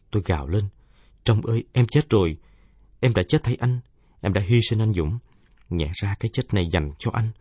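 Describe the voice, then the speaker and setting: A male narrator reads a war story told in the first person, delivering it in a somber, measured way. His voice is low, husky and darkish in tone. The recording is close and dry, with no echo or sense of room.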